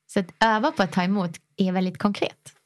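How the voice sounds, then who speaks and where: A woman yoga teacher and coach in a casual podcast conversation, telling stories animatedly and acting out quoted voices, at times guiding slow breathing exercises. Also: mid-range voice, steady tone, no room sound, studio quality.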